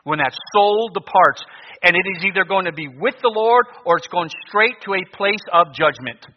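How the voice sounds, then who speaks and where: A male pastor delivers an evangelistic sermon like a doomsday street preacher, fervent and emphatic. His voice sits fairly high and he repeats phrases for force. The sound is somewhat dull, with long reverb from a big hall. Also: moderate pace. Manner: emphatic, repeats phrases, swings from loud to hushed. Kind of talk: evangelistic sermon with altar call.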